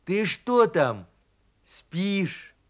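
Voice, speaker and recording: A small bear cub from a storybook, frightened yet blustering, shouting his lines back from hiding, as a man plays him. He talks slowly, his voice sitting a touch high for a man. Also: very animated, full character voice. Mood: scared, shouting. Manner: shouty, defensive. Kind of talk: storybook reading.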